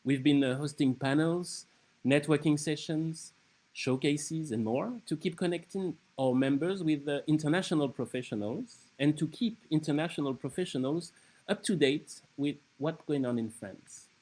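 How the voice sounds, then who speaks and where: A man's voice: fairly high pitch, moderate pace, poor audio. Man reading a formal event introduction. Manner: formal, steady, slight hesitations. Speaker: event host introducing the panel. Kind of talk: read introduction.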